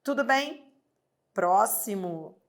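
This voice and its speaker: A woman's voice: mid-range voice, lively intonation, drawn-out words. A woman with a Brazilian Portuguese accent teaching grammar in an online exam-prep lesson, stretching out her examples and asking rhetorical questions.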